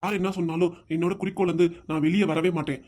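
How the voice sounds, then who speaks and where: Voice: medium pitch, fairly even intonation, very fast, close to an everyday voice. A performer voicing a strict, hot-tempered middle-aged father with a southern Tamil accent, who scolds his wife and weeps. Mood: scolding. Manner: scolding, shouting, then weeping.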